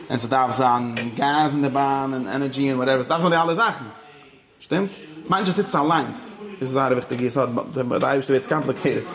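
A man's voice: a little high, fairly bright tone, roomy sound. A man giving an informal religious lecture, moving between Yiddish and English and often checking that his listeners follow. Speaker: religious teacher.

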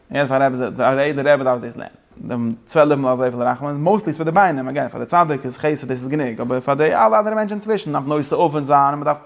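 A man's voice: on the high side, creaky. A man teaching a Torah class, switching between English phrases and his main language, with frequent restarts.

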